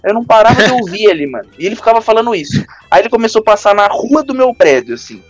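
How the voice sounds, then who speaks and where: A man's voice: high-pitched, big pitch swings, very fast, faint music behind. A young man with a Brazilian accent hosting a casual podcast chat, telling jokey stories full of slang and laughing often. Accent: Brazilian Portuguese. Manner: joking storyteller, laughs often, heavy slang. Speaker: podcast host.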